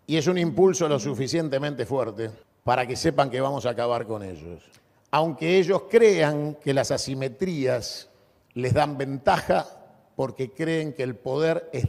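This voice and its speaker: Male Argentine political orator: booming balcony delivery, rousing and declamatory, creaky grain, big reverberant venue. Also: darkish tone. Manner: booming balcony speech, declamatory with dramatic pauses and repetition. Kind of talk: rousing political rally speech. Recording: long echoing reverb of a large venue.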